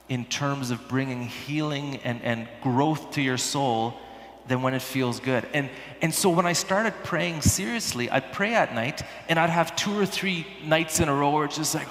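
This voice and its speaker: Guy doing a youth pastor talk, kinda high voice, earnest and dramatic, big echoey room. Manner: animated, dramatic delivery swinging from hushed, drawn-out words to emphatic bursts. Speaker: priest giving a youth group talk. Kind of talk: informal sermon to a youth group. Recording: echoey hall with long reverb.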